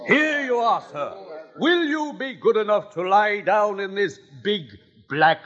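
An actor playing a smooth-talking medicine-show swindler with grandiose, flowery patter in an old radio drama. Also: male voice, sits high, lively intonation, a little slow, a bit bright. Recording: dull old radio recording with long reverb.

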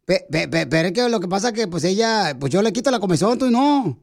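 High-voiced teasing radio prankster. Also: male voice, animated, brisk, gravelly. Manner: stammering, teasing, mock-offended. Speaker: radio prank-call host. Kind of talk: prank phone call.

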